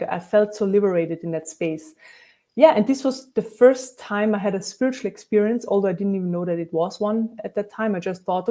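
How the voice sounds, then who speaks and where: A woman's voice: medium pitch, dark tone. A woman from Austria, a spiritual teacher speaking as a guest in a thoughtful interview, often restarting her sentences. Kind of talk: reflective interview conversation.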